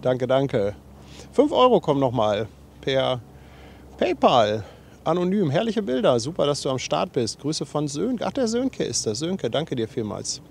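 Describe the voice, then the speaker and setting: A livestreaming man, his nose a little runny with a cold, chats casually on a harbour riverbank and reads out messages from viewers, self-deprecating as he goes. His fairly high, creaky voice has a sing-song lilt and a slightly slow pace, with a little hiss or hum in the recording.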